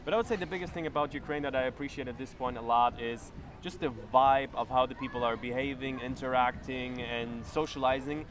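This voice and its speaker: A man's voice: medium pitch, a little fast, a little hiss or hum. Chatty young man. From Germany. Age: 20s. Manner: relaxed and chatty, with many fillers. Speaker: guest. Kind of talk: casual conversational interview.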